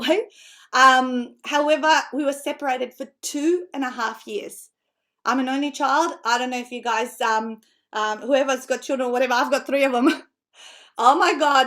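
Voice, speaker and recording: With a high voice, a middle-aged native Macedonian speaker from North Macedonia energetically delivers an online seminar as a book-writing coach. Her accent is Australian with a Macedonian tinge. Her manner is chatty and lively, peppered with tag questions and laughter.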